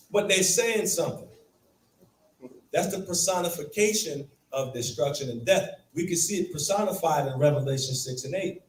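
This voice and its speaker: A fairly high-voiced man leads a scripture class with emphatic delivery. He keeps firing questions at the room. He sits some way off the mic in an echoey space with faint background hum. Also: animated, moderate pace, distant mic. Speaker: Bible class teacher.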